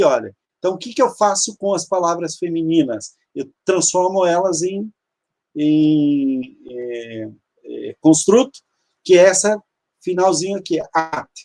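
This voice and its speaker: A man's voice: a little high, a little mellow. A man teaching an online grammar lesson. He explains patiently, repeats key terms and walks step by step through examples on screen. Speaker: Hebrew teacher.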